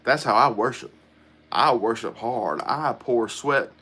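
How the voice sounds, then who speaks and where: A middle-aged man hosts a relaxed livestream chat. He talks in a casual, rambling way and answers viewer comments aloud as they come in. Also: medium pitch, measured pace, breathy edge. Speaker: livestream host.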